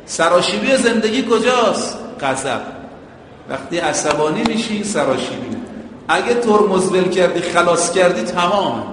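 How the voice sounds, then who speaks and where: A man's voice: high voice, animated, fairly bright tone, slight background noise. A male preacher giving a sermon, using everyday driving comparisons and chanting quotations in Arabic. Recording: echoey hall with a long reverb.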